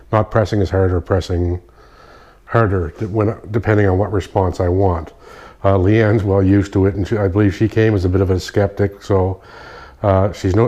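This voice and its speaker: Male practitioner, lowish pitch, congested and nasal, explanatory, restarts his sentences. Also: mellow. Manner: explanatory, stops to correct himself. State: nasal from a sinus infection. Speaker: kinesiology practitioner. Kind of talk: casual spoken demonstration. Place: indoor room at night, dim light. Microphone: phone.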